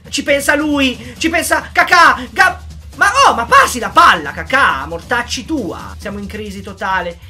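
Woman gaming creator, bright and punchy, yells at every goal. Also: on the high side. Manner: excitable, yelling at goals, chatty asides to viewers. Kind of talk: live gameplay commentary.

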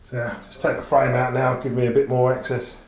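A middle-aged DIY vlogger chats casually while working on a job in a small tiled bathroom, his mid-range voice brisk and fairly flat in pitch. He's practical and thinks aloud, using plenty of fillers. Recorded on an action camera, the sound is echoey from the tiles, with faint noise.

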